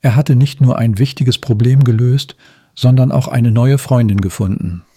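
A man reading a children's story aloud in a calm, measured way. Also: medium pitch, husky, no echo, clean studio sound.

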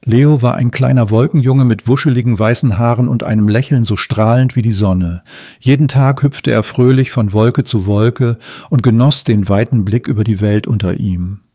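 A male storyteller reads a children's fairy tale in a calm, measured way. His voice is dark and mellow, at a middle pitch. The recording is dry and close, with no room echo.

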